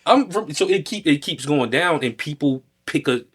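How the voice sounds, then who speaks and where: A man co-hosting a podcast, talking in a relaxed, explanatory way. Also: a little high, normal speed, slightly rough. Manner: relaxed, explanatory, builds points step by step. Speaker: podcast co-host. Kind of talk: casual conversation.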